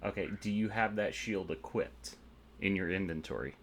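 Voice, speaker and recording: A man's voice: sits low, normal speed, creaky, slight background noise. A man narrating a tabletop game as game master, methodically explaining rules and dice rolls.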